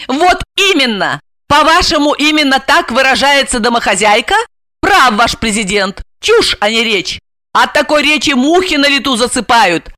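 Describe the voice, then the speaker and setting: A woman voicing a fiery young housewife heroine in an audiobook, loud, sarcastic and high-pitched. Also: expressive, moderate pace, no room sound. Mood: indignant, mocking. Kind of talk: audiobook character voice.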